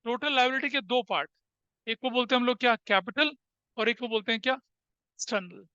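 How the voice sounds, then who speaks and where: Bright-voiced male commerce teacher. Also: very high-pitched, brisk, clear, resonant tone, no echo, highs cut off. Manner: questions the class and answers himself, mixing English terms into Hindi. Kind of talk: classroom lecture.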